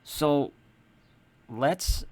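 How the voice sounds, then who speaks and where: A man casually walking through a mobile game character build, explaining his choices in a relaxed way and often starting lines with "so". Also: a little high, extremely slow. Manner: self-correcting, loose phrasing. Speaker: mobile game guide maker. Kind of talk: casual game strategy walkthrough.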